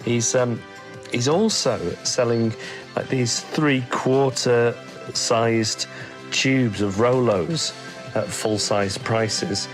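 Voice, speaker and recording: A man's voice: mid-range voice, fairly even intonation, extremely slow, faint music behind. A man reading out a listener's gossip letter in a chatty, rambling way, full of asides.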